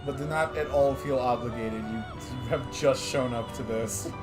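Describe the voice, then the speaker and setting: A man's voice: mid-range voice, normal speed. Joking man on livestream headset audio. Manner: joking, self-mocking asides to chat. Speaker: streamer. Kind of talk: casual livestream commentary over gameplay. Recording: game music playing clearly under the voice.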